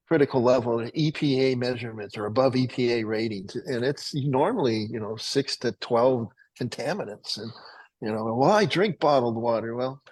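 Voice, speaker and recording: A middle-aged man who founded a water filtration company, pitching it to plumbers on a webinar in a folksy, rambling way that keeps correcting itself. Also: a little mellow, dry recording, low-quality recording.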